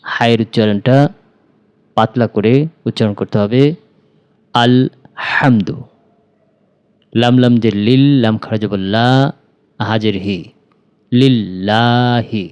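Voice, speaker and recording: Man teaching slow Quran recitation. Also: lowish voice, fairly even intonation, darkish tone, clean tone. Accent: Bangladeshi Bengali. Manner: measured, drawn-out recitation of syllables. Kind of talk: slow spelling and recitation lesson.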